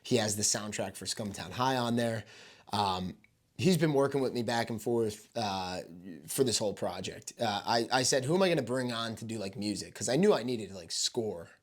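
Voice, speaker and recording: A man's voice: on the low side, expressive, normal speed. Casual, sweary man answering viewer questions. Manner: informal, sweary, rambling enthusiasm. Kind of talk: casual Q&A chat.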